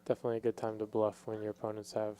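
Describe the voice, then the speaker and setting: A man's voice: on the low side, monotone, racing, warm tone. A man giving casual live poker commentary in a hesitant, thinking-aloud way.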